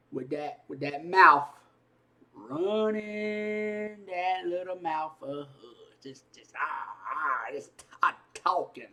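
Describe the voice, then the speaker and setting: A young man hosting his own channel, telling a story to camera in a casual, animated, repetitive way while he eats. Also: a little high. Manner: talks while eating. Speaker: YouTube gaming channel host.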